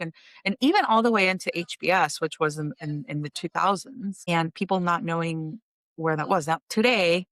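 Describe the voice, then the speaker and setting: A woman in her forties from Costa Rica, a venture fund founder, telling her story in a relaxed interview with fillers. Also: deep voice, vocal fry, no echo. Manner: thoughtful, fluent storytelling with fillers. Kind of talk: casual interview talk.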